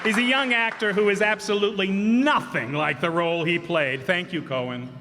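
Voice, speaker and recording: A host who also performs with a community radio theater group delivers curtain-call thanks to the cast and crew in a live hall before an audience. His voice sits high and moves at a normal speed, and he rambles with fillers and self-corrections. The hall is reverberant, with faint background noise and crowd noise.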